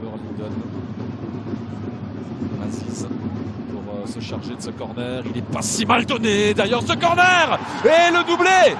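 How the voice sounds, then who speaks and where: A male football commentator follows the play live, reaching a very high pitch. Noisy stadium sound is clear behind him. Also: very animated, measured pace, long pauses.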